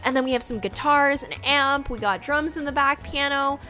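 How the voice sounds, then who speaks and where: Young woman, bubbly tour commentary, high voice, faint music behind. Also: normal speed, sharp tone. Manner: bubbly, gushing, frequent "like" fillers. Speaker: game island tour vlogger. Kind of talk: casual touring commentary. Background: faint game music.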